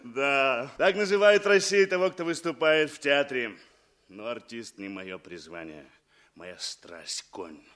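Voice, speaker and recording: An actor playing an earnest Mongolian revolutionary commissar with a declamatory way of speaking in a theatrical radio drama. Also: male voice, mid-range voice, expressive, a little slow, fairly bright tone. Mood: proud. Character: Mongolian revolutionary commissar, musician and fiery orator.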